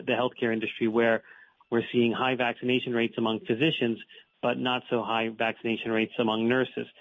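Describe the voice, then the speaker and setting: Fast-talking male medical expert on radio line. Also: medium pitch, dry recording. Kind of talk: live interview answers. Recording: narrow radio phone-like line.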